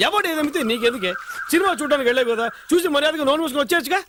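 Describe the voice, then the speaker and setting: A man's voice: very high-pitched, animated, very fast, a little hiss or hum. An actor playing an anxious older father who pleads and scolds his daughter. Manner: pleading, scolding, shouts in bursts.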